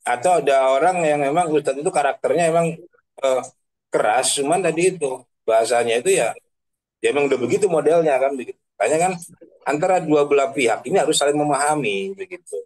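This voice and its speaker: A man's voice: on the high side, animated, a little fast, darkish tone, low-quality recording. Chatty joking male preacher. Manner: chatty, tags sentences with 'kan begitu'; joking, laughs at own examples. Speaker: Islamic preacher. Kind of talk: casual online religious talk.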